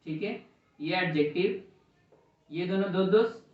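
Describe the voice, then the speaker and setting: A man's voice: high-pitched, measured pace. Man teaching grammar in an echoey classroom. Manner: asks the class questions and repeats answers. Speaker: English teacher. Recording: echoey classroom from far off, dull.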